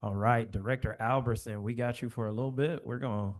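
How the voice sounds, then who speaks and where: A man's voice: mid-range voice, fairly even intonation, fairly quick. A man, the mayor, chairing a city commission meeting in formal procedural phrasing with a bit of joking. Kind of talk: presiding over a commission meeting.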